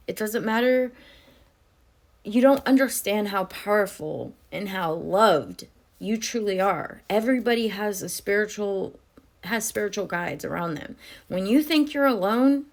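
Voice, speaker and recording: A woman's voice: mid-range voice, expressive, normal speed. A tearful woman giving an earnest, emotional spiritual testimony, speaking to her viewers and filling her talk with "you know". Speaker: spiritual vlogger. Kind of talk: personal testimony to camera.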